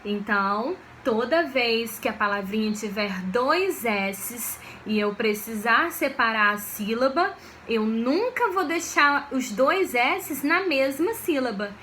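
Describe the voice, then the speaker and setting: A woman teacher, giving a video lesson for children in a slow, patient way and often checking that they follow. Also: on the high side, lively intonation, bright, forceful tone, a little hiss or hum. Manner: slow, patient, checks understanding with frequent questions.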